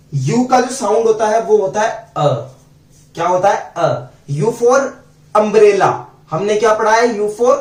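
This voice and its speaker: Male teacher, high voice, far from the mic in an echoey room, patient phonics drills. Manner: slow, repeats sounds and asks students questions. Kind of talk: phonics lesson.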